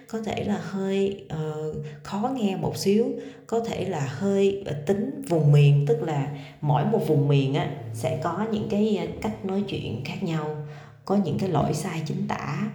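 Low-voiced woman giving casual voice coaching. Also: warm tone, echoey room. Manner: chatty, addresses listeners directly, frequent hesitation fillers. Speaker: voice coach and podcaster. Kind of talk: casual advice talk to viewers.

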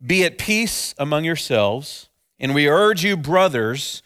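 A male pastor delivers a sermon into a pulpit microphone. His voice sits a little high for a man, and his delivery is earnest and even. He drives his points home by repeating phrases. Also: slow pace, clear, resonant tone. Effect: preaching at a pulpit microphone.

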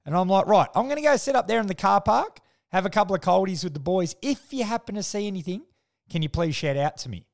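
Animated blokey Australian tradesman podcaster. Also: high voice, fast talker, creaky. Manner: blokey Aussie tradesman talk, slangy and sweary. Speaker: podcast host. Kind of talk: casual comic monologue and storytelling.

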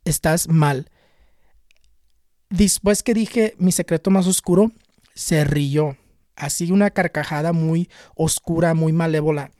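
A man telling a personal story in a casual, halting way, often repeating and restarting words. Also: a little high, mellow, no room sound, studio quality. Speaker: channel host recounting a spiritual experience.

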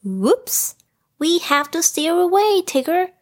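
A woman's voice: very high-pitched, sing-song, takes it slowly, voice pushed up, full character voice. A woman voicing a plucky young male kangaroo in a storybook, eager and exclaiming. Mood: anxious.

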